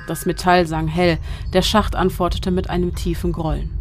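A narrator reading a horror story in a dark, suspenseful audiobook style over faint music. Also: medium pitch, flat delivery, moderate pace. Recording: long reverb with faint music.

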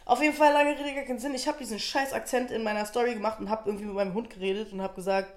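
A woman's voice: on the high side, steady tone, very fast. A woman from Germany in casual chat as a podcast co-host, blunt and crude, swearing freely.

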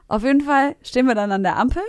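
A woman in a casual podcast chat, telling lively stories in slangy everyday talk. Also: high-pitched, clean tone, dry recording, studio quality.

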